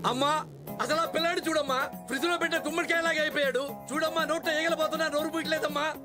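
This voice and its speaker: An actor playing a meddling, loud-mouthed comic rival who mocks everyone, in a film comedy. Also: male voice, very high voice, little pitch movement, racing. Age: middle-aged. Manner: loud, rambling, mocking. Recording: film soundtrack with music behind.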